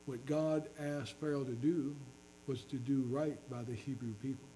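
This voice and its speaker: A man's voice: mid-range voice, fairly even intonation, normal speed, mellow, slight background noise, poor audio. A man preaching a sermon as pastor, earnestly reading scripture in King James wording.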